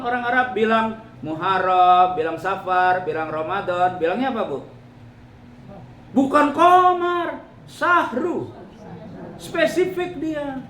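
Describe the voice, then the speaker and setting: A middle-aged man preaching a humorous religious talk to a congregation in a mosque, lively and joking as he addresses his listeners directly. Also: on the high side, slight background noise. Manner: lively, joking, addresses the audience as ladies and gentlemen. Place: mosque hall. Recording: echoey hall with faint ambience.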